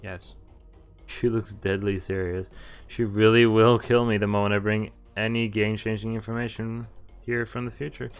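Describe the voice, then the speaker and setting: Over game music, a streamer casually reads through a visual novel in a low, clear, resonant voice with little pitch movement and a moderate pace. He trips on lines from time to time and throws in side comments as he plays.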